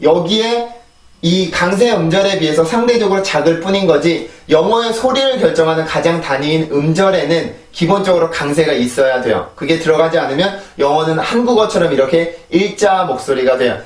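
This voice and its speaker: A man gives an online pronunciation lesson in a fairly high voice, explaining step by step and repeating practice words in sets. The room rings with a noticeable echo, and he sounds set back from the microphone. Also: expressive, brisk, far from the mic. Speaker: English pronunciation teacher. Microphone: shotgun mic on a phone.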